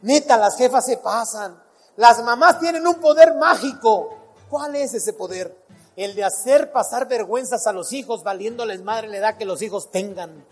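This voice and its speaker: A man's voice: extremely high pitch, soft background music. A man with a Mexican accent doing adult stand-up comedy, telling crude stories full of swearing. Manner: crude, swearing, rapid storytelling.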